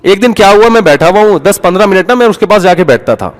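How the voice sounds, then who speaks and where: A man delivers a conversational sermon, slipping into the voices of the people in his stories. His voice sits a little high for a man. The sound rings with the long reverb of a large hall. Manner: animated storyteller, acts out the people in his stories. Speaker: Islamic preacher.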